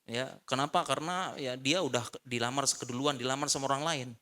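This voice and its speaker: A man preaching in a mosque, giving an animated religious lecture to the congregation and repeating short refusals for emphasis. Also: medium pitch, fairly quick, a little hiss or hum. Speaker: Islamic preacher.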